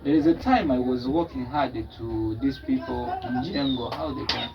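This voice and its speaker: A young Burundian man with a Burundian accent, telling his story in a casual interview, often pausing to search for words. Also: mid-range voice, distant mic, highs cut off. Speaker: guest, travel vlogger.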